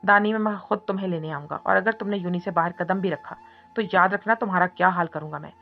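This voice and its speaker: Woman doing a commanding young man, teasing, calm orders, low voice, muffled, soft music. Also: fast talker.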